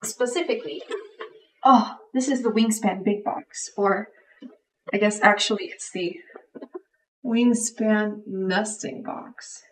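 Slow, hushed American woman, slightly muffled. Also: medium pitch, slight background noise. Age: young adult. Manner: voice kept down for a library, not whispered. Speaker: unboxing video host. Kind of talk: casual vlog chat. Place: small indoor library study room. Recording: voice picked up from a distance.

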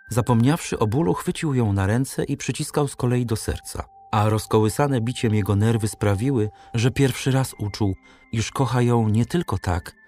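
A man narrating a classic novel as an audiobook, reading in a measured, dramatic way. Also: medium pitch, a little mellow, slight background noise. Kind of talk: scripted literary narration.

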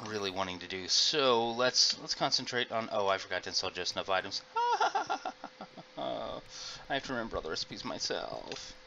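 A middle-aged gaming video host rambles casually to his viewers while playing, his voice brisk, gravelly, sharp, and on the low side. It's a noisy home mic recording with the highs cut off.

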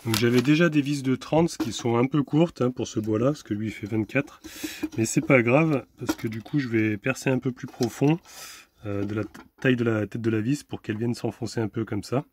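Against a noisy background, a young man with a medium-pitched voice speaks at a moderate pace while doing a DIY build. The vanlife vlogger chats casually as he works, partly on his camper van roof outdoors, with many fillers and restarts.

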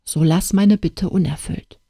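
A woman's voice: fairly low pitch, fairly even intonation, unhurried, gravelly, mellow, husky, no room sound, clean studio sound, full character voice. A woman voicing a stern old father in an audiobook tale, speaking in a reproachful, urging way.

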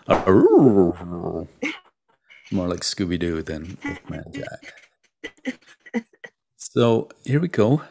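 Male host, very low and gravelly, a bit husky; easygoing, joking online chat. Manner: chatty, self-mocking, laughs easily. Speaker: host of a live drawing session. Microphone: close desk mic, wearing headphones.

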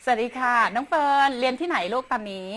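A woman English tutor from Thailand, answering student questions in a lively classroom style and softening her phrases with polite particles. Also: sits high, fast, heavy background noise. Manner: polite, ends phrases with soft "na kha" particles.

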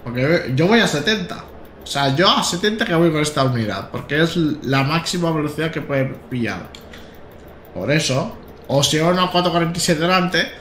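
A man's voice: on the high side, animated, normal speed, a bit bright, reverberant, a little hiss or hum. Joking Spanish streamer man in his 30s. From Spain. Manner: joking and rambling, with stammered restarts and bursts of laughter. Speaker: gaming streamer. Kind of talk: casual live-stream chat while playing a train simulator.

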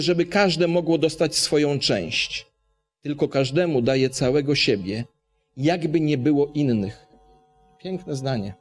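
A man's voice: on the high side, breathy edge. Passionate Polish man preaching a sermon. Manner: passionate preaching with rhetorical questions.

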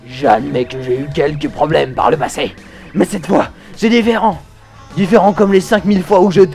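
A man voicing a gloating, brutish male monster king who drags out slow, smug taunts. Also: high voice.

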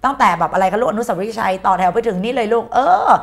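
A woman's voice: medium pitch, fast. A woman teaching an exam-prep English lesson in a chatty, playful way, mixing English words into her speech. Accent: Thai.

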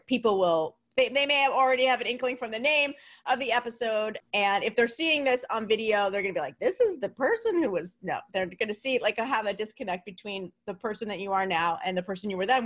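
Woman, podcast host, chatty, casual, laughs easily, mid-pitched voice. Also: a bit bright.

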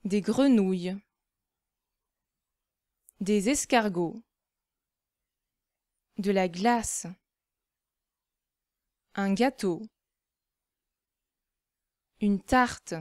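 Slow, clearly paced woman reading vocabulary. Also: medium pitch, darkish tone, dry recording, studio quality. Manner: reads isolated words and phrases with pauses. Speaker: language teacher.

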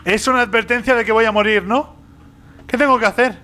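A man's voice: very high voice, fairly even intonation, brisk, pushed and bright, faint music behind. A young man from commentating a horror game, nervous, repeating phrases and talking to himself. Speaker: gaming youtuber.

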